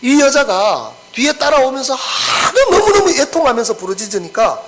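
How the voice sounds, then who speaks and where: A man's voice: extremely high pitch, very animated, normal speed, fairly bright tone, poor audio. A pastor preaching an expository sermon. He acts out the scripture quotes and keeps asking the congregation questions.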